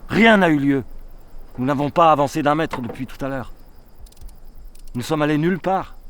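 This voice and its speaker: An actor playing a grandiose, disillusioned master on a futile quest, in weary theatrical declamation. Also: male voice, fairly low pitch, lively intonation, moderate pace, a little hiss or hum, natural voice. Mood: agitated. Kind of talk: theatrical stage dialogue in French. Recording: music clearly behind the voice.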